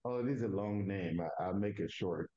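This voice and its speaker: A man's voice: low voice, moderate pace, warm tone, muffled recording. A man from Togo with a Togolese accent, a native Kabiye speaker, telling his story conversationally as an interview guest and often restarting his phrases.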